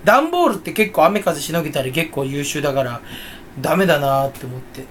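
A man's voice: a little high, expressive, brisk, a bit bright, a little hiss or hum. A man talking to himself in a casual, rambling solo monologue, joking and mocking himself. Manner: self-mocking, jokey, rambling. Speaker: channel host.

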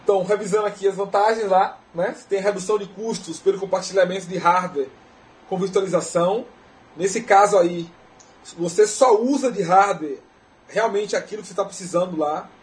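A man with a Brazilian Portuguese accent giving a technical lecture in a relaxed, conversational way, often tagging questions onto his sentences. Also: sits high, fairly quick, a little hiss or hum, rough recording. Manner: conversational, often tags "né?" and restarts phrases. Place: conference lecture hall.

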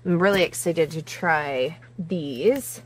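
A woman in her forties from the Pacific Northwest of the US strolls through her outdoor vegetable garden, eagerly chatting with viewers in the casual, friendly manner of a homesteading vlogger. Her voice is deep and her pace slow. She films herself on a phone held at arm's length.

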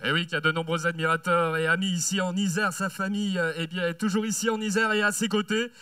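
A man's voice: high-pitched, fairly even intonation, quick pace, pushed and bright, clear, resonant tone, no echo, far from the mic. A man co-presenting riders on a race podium in a chatty way, stretching out their names. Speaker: podium co-announcer.

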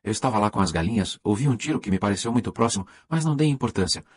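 A man's voice: on the low side, expressive, rapid-fire, husky, no echo. A man doing a gracious, vague lady hostess. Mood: chatty. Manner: apologetic, chatty, socially polite.

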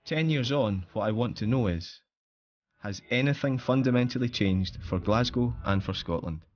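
A man's voice: medium pitch, moderate pace, darkish tone, muffled recording. A man reading scripted, first-person documentary narration as the film's maker.

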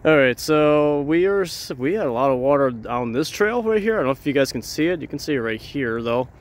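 A vlog host talks casually to his viewers while walking trails and roads outdoors at night, filmed on a handheld camera. His voice is fairly high, animated, and fairly quick, and he rambles and repeats phrases.

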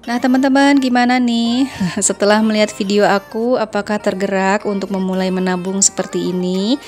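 A woman talks through a home vlog as a relaxed voice-over. She chats to her viewers like friends, filling her sentences with little fillers, at an ordinary middle pitch. Soft music plays faintly underneath. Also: moderate pace. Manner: chatty, addresses viewers as friends, frequent fillers. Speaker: vlogger. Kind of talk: casual voice-over narration.

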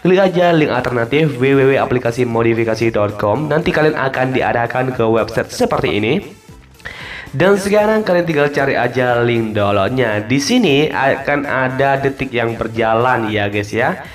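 A man with a mid-range voice and lively intonation speaks at a moderate pace. As the host of a casual app tutorial voice-over, he walks through it step by step, repeating instructions informally and drawing out the ends of his phrases. Music plays in the background.

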